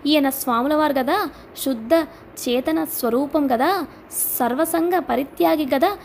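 A woman's voice: high voice, measured pace, creaky, a little hiss or hum. A woman reading the part of a defiant man who scornfully harangues a crowd, in an audiobook. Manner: accusing, mocking, relentless.

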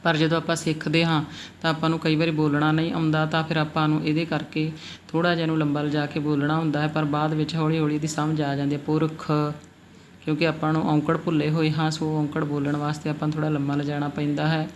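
A Gurbani pronunciation teacher giving a slow recitation lesson, respectfully drawing out each syllable and repeating words for practice. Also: medium pitch, monotone, a little hiss or hum. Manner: respectful, addresses the congregation as "ji".

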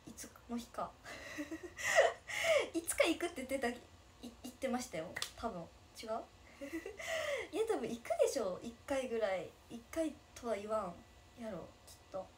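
A woman's voice: a little high, very animated, moderate pace, slight background noise. A woman in her twenties, speaking with a Nagasaki dialect, chatting casually on a livestream as she reads viewer comments, giggly and bubbly. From Japan, Nagasaki. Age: 20s. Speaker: idol livestreamer.

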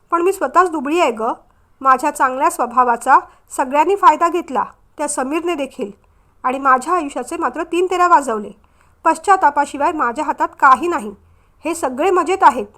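Woman playing hurt young bride, bitter, tearful, high voice, audiobook drama. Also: bright, forceful tone.

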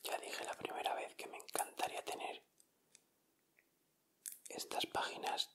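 The speaker is a male ASMR video creator, whispering with quiet deliberation while seated indoors at a table. He moves through the items one by one without hurrying.

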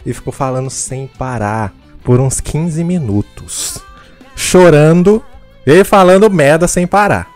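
A man telling a funny story in an animated, crude way, often laughing as he speaks. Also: a little high, unhurried, faint music behind. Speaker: streamer. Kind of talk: comic storytelling.

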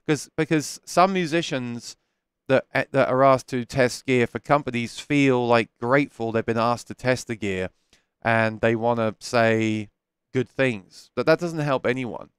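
A man in his thirties hosts a casual live stream from a small home studio, speaking candidly into a headset microphone and answering viewer questions with frequent restarts. His voice is medium-pitched, unhurried and smooth, with no echo.

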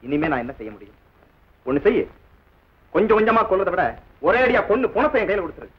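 A stern, reproachful relative. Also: male voice, sits high, big pitch swings, fast talker, rough recording. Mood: bitter. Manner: reproachful, dignified. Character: stern indignant male relative. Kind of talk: classic film dialogue. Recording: hissy old film soundtrack.

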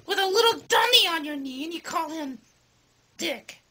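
Squeaky, cheeky ventriloquist dummy boy. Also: expressive, normal speed, pushed and bright, exaggerated voice. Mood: indignant. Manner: taunting, insinuating. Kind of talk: ventriloquist comedy act.

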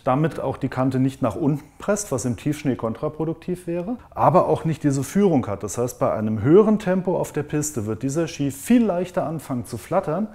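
Calm, mellow-voiced man explaining skis. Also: a little high. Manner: calm, methodical, demonstrates with hands. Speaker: ski maker explaining ski design. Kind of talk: explanatory workshop tutorial. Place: indoor wood workshop.

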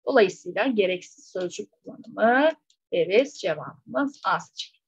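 A woman's mid-range, slightly rough voice moves at normal speed with lively intonation as she teaches an exam question walkthrough lesson. She breaks each question into steps and often checks with rhetorical questions. The sound is close, dry and a bit dull.

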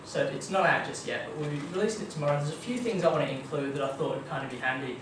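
A young Australian man, his voice a little high and rapid-fire, delivers a casual tech talk as guest speaker at a marketing meetup, chatty and full of ums and kind-ofs. The setting is a dim meeting room with a projector screen, recorded on a far room camera that leaves it echoey, distant, and noisy.

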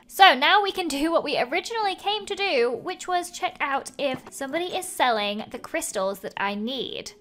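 High-pitched, chirpy woman doing gameplay commentary. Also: a bit bright. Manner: chirpy, exclamatory, thinks aloud. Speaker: gaming video host.

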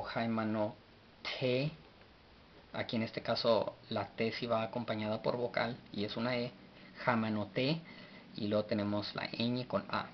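Man, low voice, very slow, deliberate letter-by-letter teaching; dull lo-fi recording with faint hiss. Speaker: language teacher. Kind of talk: slow spelled-out language lesson.

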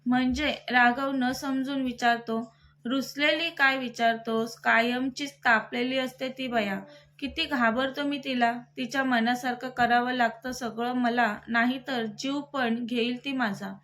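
A woman's voice: a little high, steady tone, a little slow, fairly bright tone. A woman reading a teasing young male buddy. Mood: playful. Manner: playful, joking. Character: cheerful teasing young male best friend.

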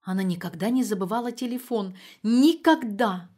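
A woman's voice: fairly high pitch, animated, normal speed. A woman voicing a dramatic, panicky retired mother who speaks in pompous, exclamatory outbursts. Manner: exclamatory, theatrical and rising.

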